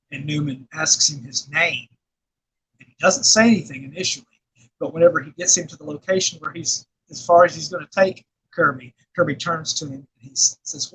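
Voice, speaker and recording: A man's voice: on the high side, bright, forceful tone, breathy edge, low-quality recording. A middle-aged man from Arkansas being interviewed, talking in a rambling way with lots of fillers and restarts. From Arkansas, USA. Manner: rambling, many fillers and restarts, laughs often. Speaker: guest filmmaker and actor. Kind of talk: casual interview chat.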